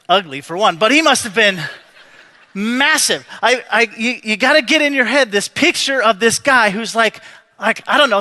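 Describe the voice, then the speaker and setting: Pastor guy preaching, chatty and jokey, kinda high bright voice, restarts a lot. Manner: conversational, joking storyteller with frequent restarts. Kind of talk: sermon.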